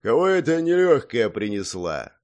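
A man voicing a gruff, mocking old hermit with a long grey beard in an audiobook, talking loudly and grumbling. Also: mid-range voice, expressive, moderate pace, natural voice. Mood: grumpy loud. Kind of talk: audiobook character voice.

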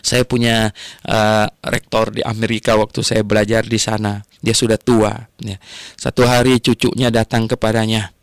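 An older man giving a Bible sermon on the radio, telling stories with animated swings of pitch. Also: normal speed, gravelly, dry recording, clean studio sound. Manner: animated storytelling, rising sharply in pitch.

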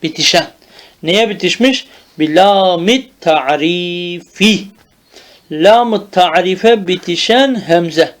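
A man teaching Arabic grammar in a traditional madrasa style, drilling terms slowly and stopping to check that the student follows. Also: sits high.

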